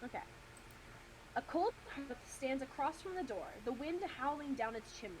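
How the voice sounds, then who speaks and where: A woman's voice: high-pitched, animated, normal speed, background noise. A woman as game master, narrating scenes and ruling on checks in a casual, laughing way. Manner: laughing, casual, swears playfully. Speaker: dungeon master. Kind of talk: running a tabletop game.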